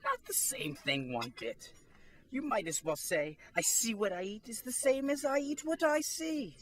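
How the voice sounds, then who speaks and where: An eccentric, moody tea-party madcap, acted by a woman, fairly high in pitch. The delivery is theatrical and erratic, leaping from low mutters to sudden exclamations, in the style of an amateur audio play. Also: sing-song, measured pace. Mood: testy, contrary. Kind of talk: amateur student audio drama.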